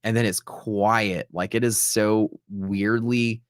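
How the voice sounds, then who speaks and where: Speaking slowly and steadily in a lowish voice, a Texan futures trader rambles through stories on his casual livestream, full of slang. The recording is dry and of studio quality.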